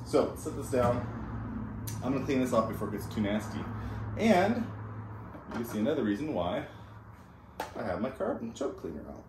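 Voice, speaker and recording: A man in his thirties talks through a repair job in a casual, self-deprecating way. His pitch is lively and varied. He is recorded a few feet from the camera in a garage with faint noise. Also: moderate pace, long pauses, roomy sound. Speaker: DIY car restoration host. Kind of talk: casual hands-on tutorial chat. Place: home garage, indoors. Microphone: camera a few feet away. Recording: noisy garage ambience.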